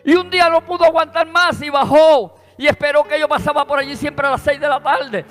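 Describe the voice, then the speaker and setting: A man with a Puerto Rican accent preaches with a strikingly high, bright and forceful voice. He is fervent and pushes into shouted praise. The sound is a long church reverb with instrumental music playing behind him. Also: fairly even intonation, a little fast. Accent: Puerto Rican Spanish. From Puerto Rico. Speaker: pastor. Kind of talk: preaching a sermon. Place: church sanctuary.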